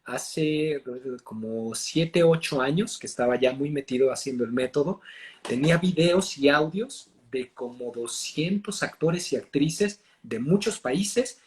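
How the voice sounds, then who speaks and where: A Mexican-accented man talks in a casual interview, pitching slightly high. He explains his technique with animated swings in pitch and loudness. He sounds like a coach teaching. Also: a little slow. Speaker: acting and voice coach, guest.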